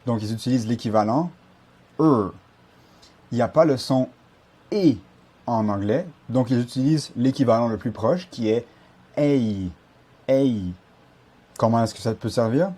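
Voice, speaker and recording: A man's voice: mid-range voice, moderate pace, warm tone, slightly rough. A man teaching a pronunciation lesson as a language coach, patiently explaining and repeating sounds to demonstrate them.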